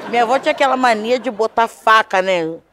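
A woman's voice: on the high side, fast, a crowd in the background, background noise. Chatty woman hosting a TV talk show. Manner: chatty, playful, uses lots of tag questions. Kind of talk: lively chat with a guest. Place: TV studio. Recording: TV studio with audience and music. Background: faint music and audience.

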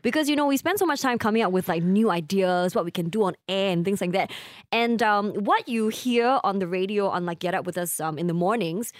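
Female radio DJ, Singaporean accent, medium pitch, animated casual banter, very dry recording. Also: fairly quick, hardly any pauses, dry recording. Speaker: radio DJ and co-host. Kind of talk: casual co-hosted chat.

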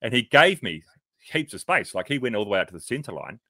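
A man's voice: fairly low pitch, fast talker, no room sound, clean studio sound. A man with a New Zealand accent, co-hosting a podcast and telling stories in casual, swear-heavy chat. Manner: animated storyteller, swears freely. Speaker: podcast co-host.

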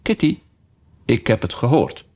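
A man's voice: medium pitch, big pitch swings, a little slow, darkish tone, voice pushed up. A man voicing a chatty young girl who scolds her kitten, in a storybook reading. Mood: mock stern.

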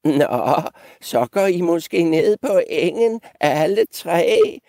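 A man's voice: a little high, creaky, a little mellow, dry recording, clean studio sound, pitched above the performer's own voice. A man voicing an old male goat who teases the younger ones. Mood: teasing. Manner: teasing.

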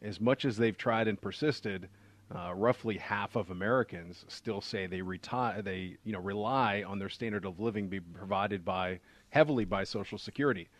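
A man's voice: on the low side, moderate pace, no room sound. A man giving a conversational explanation as a financial adviser on a radio show, using rhetorical questions and repetition for emphasis.

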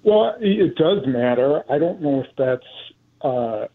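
An American man, a sports journalist, answering radio interview questions haltingly over a phone line. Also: on the high side, lively intonation. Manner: halting, repeats words as he thinks. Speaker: sports journalist, show guest. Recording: phone-like guest hotline.

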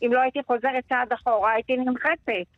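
A woman's voice: fairly high pitch, fairly even intonation, no room sound. Shaken woman in her sixties on a muffled line. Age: 60s. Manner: shaken, rushed storytelling that replays dialogue. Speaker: interviewee. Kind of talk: emotional first-person account on radio.

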